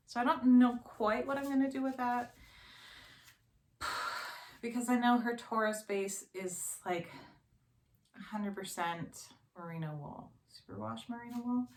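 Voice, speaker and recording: Chatty woman knitting vlogger, echoey room. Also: mid-range voice. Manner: chatty and rambling, with many fillers and self-corrections. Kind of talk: casual show-and-tell chat. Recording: echoey room with faint noise.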